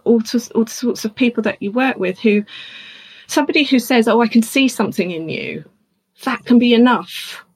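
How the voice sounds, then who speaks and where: A middle-aged woman, a coach and speaker, telling a personal story in an animated conversational way. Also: medium pitch. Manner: animated, acts out other people's voices in her anecdotes.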